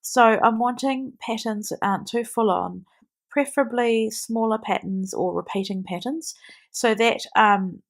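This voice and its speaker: A scrapbooking demonstrator with a stuffy nose from a cold chats through a voice-over craft tutorial, saying um often. Her fairly high voice is unhurried and creaky.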